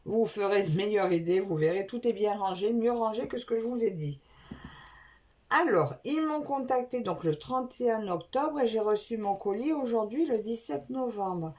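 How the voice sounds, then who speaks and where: A woman's voice: mid-range voice, expressive, moderate pace, a little mellow. A woman chatting casually through an unboxing of craft supplies for her vlog. She wanders between topics and corrects herself as she goes. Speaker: craft vlogger.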